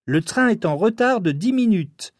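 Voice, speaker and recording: A woman playing a formal train station announcer, reading a measured scripted announcement over the intercom. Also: medium pitch, lively intonation, darkish tone, no echo, studio quality, natural voice. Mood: formal, neutral.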